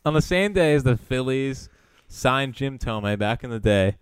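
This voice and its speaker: A man's voice: medium pitch, expressive, a little slow, smooth. A man chatting casually as a sports talk podcast host, with a teasing, needling way of talking.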